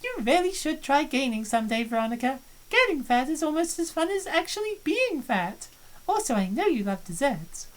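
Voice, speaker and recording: For a fan voice-over of a visual novel, a woman voices a confident, cheerful large young woman with a breezy, self-assured manner. Her voice is high and sing-song at a moderate pace, and the mood is cheerful and self-assured.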